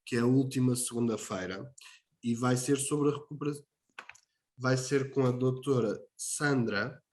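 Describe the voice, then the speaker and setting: Friendly male host on a video call. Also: mid-range voice. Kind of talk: hosting an online talk session.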